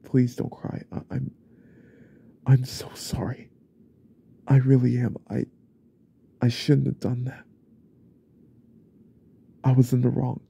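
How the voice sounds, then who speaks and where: A young man voicing an unstable, remorseful young husband in a whispered role-play, stammering and repeating himself in a husky, often whispered voice. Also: medium pitch, monotone, slow, long pauses, dark tone, heavily acted. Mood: pleading. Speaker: ASMR role-play creator.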